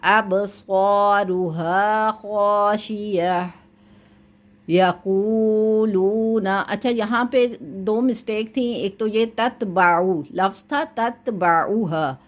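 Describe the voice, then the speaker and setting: A woman at an ordinary mid pitch teaches Quran recitation, patiently going through a student's mistakes one rule at a time. She explains each point carefully and checks in often with a short "okay". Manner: recites verses slowly and drawn out.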